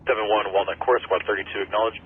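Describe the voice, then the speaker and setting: A male dispatcher reels off unit calls quickly over a two-way radio, his voice sitting a little low. The channel is thin and tinny, with hiss and static clearly underneath. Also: steady tone. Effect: two-way radio transmission. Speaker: emergency dispatcher.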